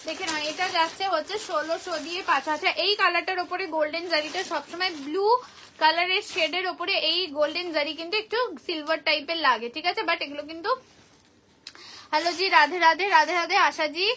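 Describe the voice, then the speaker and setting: A woman's voice: very high voice, fairly even intonation, quick pace, bright, forceful tone, slight background noise. A woman with a Kolkata Bengali accent hosting a casual live sale of saris, chatty and repeating prices, her voice tired. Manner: chatty, repeats prices, greets viewers by name. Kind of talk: casual live-stream sales chat.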